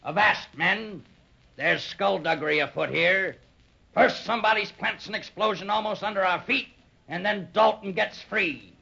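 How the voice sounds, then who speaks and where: An actor playing a bullying, suspicious pirate boss in an old-time radio serial, barking threats in a raspy, harsh voice. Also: male voice, high voice, moderate pace, sharp tone, full character voice. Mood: angry, accusing. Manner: barking, threatening sailor talk. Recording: dull lo-fi old radio recording.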